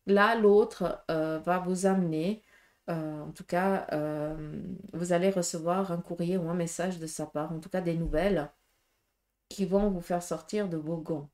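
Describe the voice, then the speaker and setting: A woman with a Swiss French accent reads tarot casually for viewers in a fairly low, steady, slightly mellow voice, taking her time. She's blunt and direct, peppering her speech with fillers and tag questions.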